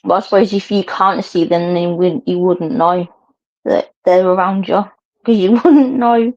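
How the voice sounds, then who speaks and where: A woman's voice: fairly low pitch, fairly even intonation, measured pace, a little mellow. A middle-aged woman, chatting casually to viewers as a livestream host, rambling and laughing often. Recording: dull lo-fi stream audio.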